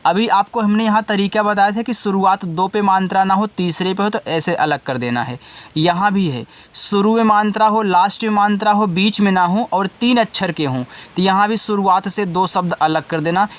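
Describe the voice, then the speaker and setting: A man's voice: sits high, moderate pace, no echo. A man teaching students in an online lesson, explaining patiently step by step and speaking straight to them. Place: indoors with wind outside.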